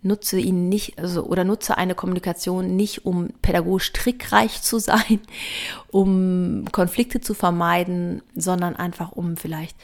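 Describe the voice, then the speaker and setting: Low, gravelly-voiced woman giving advice. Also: a little slow. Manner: earnest, reflective, lists points calmly. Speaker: podcast host and parenting author. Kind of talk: advisory podcast monologue.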